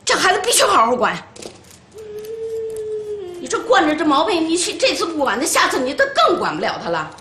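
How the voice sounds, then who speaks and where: An actress playing a bossy, sharp-tongued middle-aged grandmother who scolds a small child in a TV drama. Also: high-pitched, wildly swooping pitch, brisk, long pauses, reverberant, background noise. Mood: stern. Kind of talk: TV drama acting.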